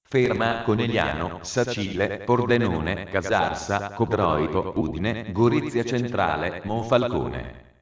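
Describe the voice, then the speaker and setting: Echoey, flat formal male station announcer. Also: on the low side, slow pace, distant mic. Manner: flat, formal, segmented phrasing. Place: train station public address system. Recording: echoey dull station loudspeaker from afar.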